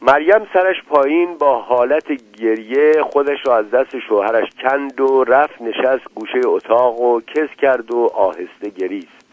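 A man calmly reading a short story aloud as narrator, in a measured way. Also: mid-range voice, dry recording. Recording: tinny dry lo-fi radio recording.

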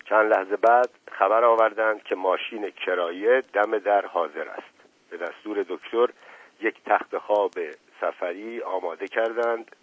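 A man reading a novel aloud in an expressive, measured storytelling style. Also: low voice, breathy edge, phone-quality sound. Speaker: audiobook narrator. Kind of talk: expressive literary narration.

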